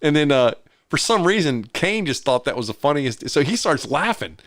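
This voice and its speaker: A man's voice: a little high, big pitch swings, normal speed, fairly bright tone, no room sound, clean studio sound. A middle-aged man co-hosting a podcast, telling a story in casual chat and acting out the voices of the people in it. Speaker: podcast co-host.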